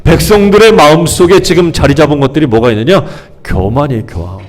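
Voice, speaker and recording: A man preaching a sermon as pastor, who asks the congregation questions and answers them himself, and briefly acts out the grumbling people. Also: quick pace. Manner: acts out the grumbling crowd with sudden pitch jumps. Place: church sanctuary.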